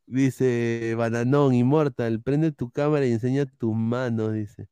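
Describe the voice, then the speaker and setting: A man hosting a casual sports podcast, joking and reading out chat messages in a halting way. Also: medium pitch, steady tone, warm tone, clear, resonant tone, dry recording. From Peru. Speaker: podcast host.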